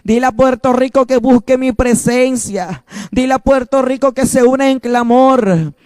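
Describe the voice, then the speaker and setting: Man preaching, very high voice, flat steady delivery, smooth clear tone, dry sound. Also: moderate pace, no echo. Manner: fervent preaching, repeated declarations. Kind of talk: prophetic sermon.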